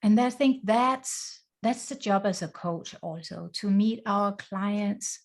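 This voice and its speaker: Speaking slowly in a mid-range, slightly mellow voice, a woman from Denmark appears as a life coach guest in a conversational interview. Her manner is earnest and thoughtful, and she uses short phrases; the audio is from a video call.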